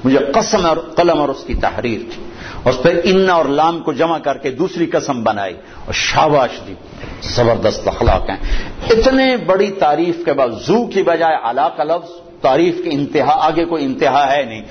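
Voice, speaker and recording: A man's voice: fairly high pitch, lively intonation, muffled recording. A middle-aged man giving a sermon, reciting verses and telling stories from his village youth to explain their words. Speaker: preacher. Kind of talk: Urdu sermon with Quranic recitation.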